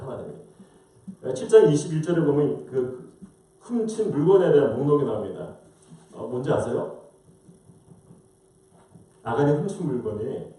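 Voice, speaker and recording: A man's voice: fairly high pitch, warm tone. A man preaching a sermon as pastor, asking rhetorical questions and acting out quoted voices. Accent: Korean-American. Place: church sanctuary. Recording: roomy distant church mic.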